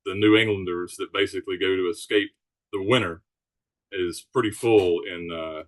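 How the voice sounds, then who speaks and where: Man, lowish pitch, casual conversation, easygoing explainer. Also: steady tone, normal speed. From Alabama Gulf Coast, United States. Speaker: podcast guest, charter sailboat captain.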